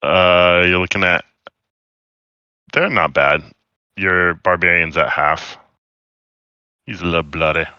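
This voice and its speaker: Deep, slow-talking game master. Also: male voice, smooth, no echo, muffled recording. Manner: unhurried, matter-of-fact rulings. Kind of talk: narrating a tabletop game.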